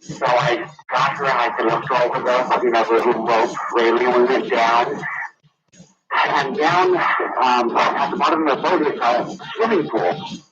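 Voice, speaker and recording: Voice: mid-range voice, unhurried, recorded from a distance, very noisy. Casual radio caller telling a personal story. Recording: phone call on a radio broadcast.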